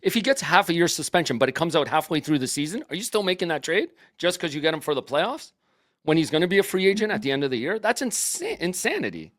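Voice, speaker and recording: A man's voice: on the high side, very animated, quick pace, fairly bright tone, no echo, clean studio sound. A man co-hosting sports talk, debating in an argumentative, incredulous way.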